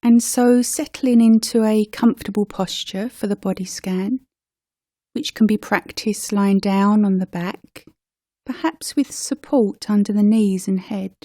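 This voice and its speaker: In a soft, mellow, medium-pitched voice with fairly even intonation, a woman guides listeners through a meditation very slowly. Her short phrases come gently, with space left between them like a teacher's. There's no echo; the recording is dry.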